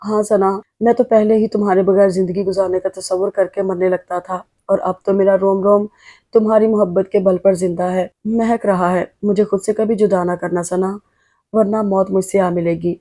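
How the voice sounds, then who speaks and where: A woman's voice: mid-range voice, fairly even intonation, warm tone, lightly acted. A woman reading the lines of a remorseful, loving young husband in a pleading, emotional way. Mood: tender. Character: remorseful young husband, tender, guilt-ridden.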